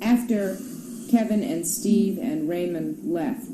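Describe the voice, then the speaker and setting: A woman's voice: on the low side, slow pace. A woman questions someone as an interrogator. She is formal and insistent, pressing the same pointed questions again. The recording is echoey with noticeable noise behind her.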